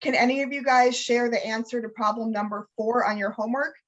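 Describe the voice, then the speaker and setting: A woman's voice: fairly high pitch, fairly even intonation, brisk, fairly bright tone, dull audio, natural voice. A woman reading an awkward male math professor. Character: well-meaning male math professor, awkward about pronouns. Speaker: student leader reading a training scenario. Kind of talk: read-aloud role-play scenario.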